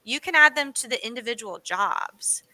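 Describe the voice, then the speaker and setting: A woman's voice: on the high side, animated, normal speed, sharp tone, no echo. A woman hosting a casual livestream, bubbly and exclamatory, chatting with a guest and reading the chat. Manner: bubbly and exclamatory, frequent "ooh" and laughs. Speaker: livestream host.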